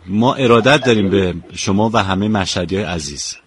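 A male radio host chatting casually with a guest, often cheering him on with approving interjections. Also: fairly low pitch. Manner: warmly encouraging, frequent approving interjections.

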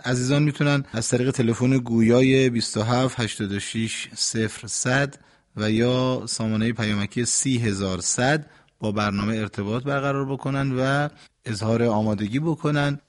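A man hosting a radio call-in show, patiently correcting callers' recitation and demonstrating pronunciation. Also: medium pitch. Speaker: radio host and recitation teacher. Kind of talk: instructive radio call-in talk. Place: radio studio.

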